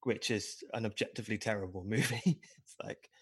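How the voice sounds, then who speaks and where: A man's voice: on the low side, fairly quick, breathy edge, no echo, clean studio sound. A man co-hosting a podcast in casual chat, rambling and cynical with self-deprecating asides. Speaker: podcast co-host.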